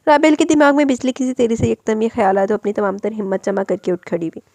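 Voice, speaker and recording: A woman's voice: on the high side, steady tone, fast, a little mellow, no echo. A woman narrating a romance novel as a storyteller, reading dramatically and breaking off into chatty asides.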